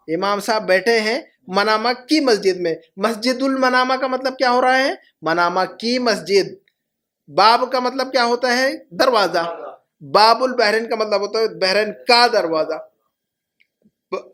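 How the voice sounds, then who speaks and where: High-voiced man teaching in a classroom. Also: a bit bright. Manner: patient, repeats each phrase slowly. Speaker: Arabic teacher. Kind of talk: classroom lesson.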